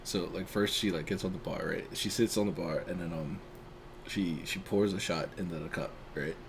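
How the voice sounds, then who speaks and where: A man's voice: low voice, fairly even intonation, moderate pace. A young man co-hosting a casual chat podcast, a laid-back storyteller who fills his talk with "like". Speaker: podcast co-host. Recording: clear background noise.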